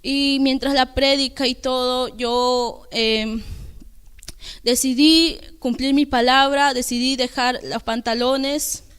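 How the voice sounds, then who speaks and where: High-voiced young woman giving testimony. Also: fairly even intonation, a bit bright, smooth. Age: young adult. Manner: earnest, halting storytelling with restarts. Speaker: church member giving testimony. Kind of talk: personal religious testimony.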